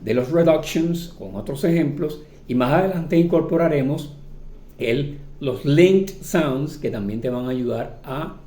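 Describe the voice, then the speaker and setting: A man who speaks Spanish natively teaches English phrases in a video lesson and slows down sharply whenever he says an English example. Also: a little high, dark tone. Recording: echoey room.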